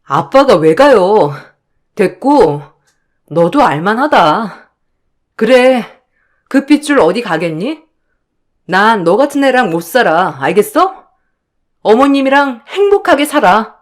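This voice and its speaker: A defiant young daughter-in-law, as the woman reader plays her in a read-aloud drama story. She fires back sharp, biting retorts in slow, pointed phrases. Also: fairly high pitch, very animated, voice pushed up.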